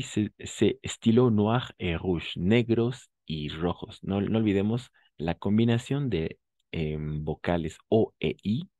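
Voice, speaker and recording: A man with a deep, low voice teaches a French class. He explains pronunciation patiently, saying example words slowly and stopping often to check that students follow. The recording is close and dry, with no room sound. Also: mellow, no room sound.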